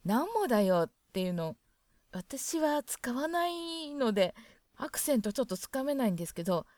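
Woman explaining dialect phrases, gentle and chatty, high-ish voice that bounces around, dry sound. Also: animated, normal speed, dry recording. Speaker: dialect lesson host. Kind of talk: explanatory lesson narration.

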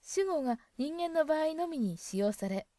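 Lively, chatty woman teaching a lesson. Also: high voice, moderate pace, dry recording, studio quality. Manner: chatty, musing aloud, acts out example lines. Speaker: dialect lesson presenter. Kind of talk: casual spoken lesson.

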